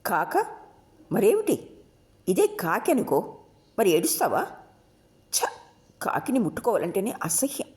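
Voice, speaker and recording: Woman putting on a sharp sarcastic college girl. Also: medium pitch, wildly swooping pitch, pitched above the performer's own voice. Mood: sarcastic heated. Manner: brisk, sarcastic, forceful.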